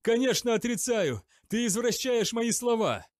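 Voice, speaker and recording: A frightened young knight , as a male reader puts him on, pleads and protests in a strained, high voice. His lines rise sharply as he insists on his innocence. The audiobook recording sounds close and dry. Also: lively intonation, normal speed, darkish tone, no echo. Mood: desperate, shouting. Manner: desperate, protesting, raising his voice.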